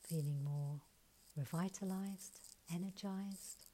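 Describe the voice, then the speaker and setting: A woman leading a guided breathing exercise, counting breaths and giving calm, soft instructions, sometimes close to a whisper. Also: lowish voice. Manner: slow soothing counting instructions.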